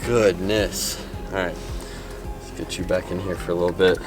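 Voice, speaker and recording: A young man with a drawl, a bit low-pitched, talking on a boat out on a lake. He's excitable and casual and keeps saying "y'all," picked up by an action camera with music playing underneath. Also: moderate pace. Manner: excitable, says "y'all" often. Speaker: fishing vlogger. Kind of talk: casual narration and on-the-water commentary. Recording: background music in the mix.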